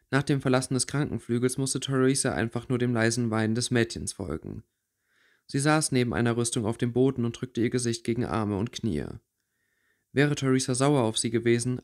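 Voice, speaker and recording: A man narrating a fantasy fanfiction audiobook in an even, measured storytelling manner. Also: medium pitch. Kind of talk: reading a fanfiction novel aloud.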